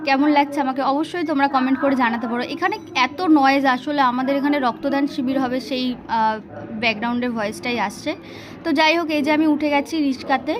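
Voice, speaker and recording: Woman, young adult, hoarse, fast breezy vlog chatter, high-pitched. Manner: chatty, breezy running commentary. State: hoarse from a cold. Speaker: vlogger. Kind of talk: casual daily vlog narration. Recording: noisy home and street ambience.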